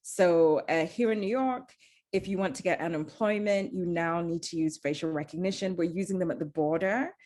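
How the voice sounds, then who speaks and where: On a panel discussion, a woman from Zambia speaks earnestly and searchingly, frequently restarting her sentences. Her voice is fairly low and darkish, and her speed is normal.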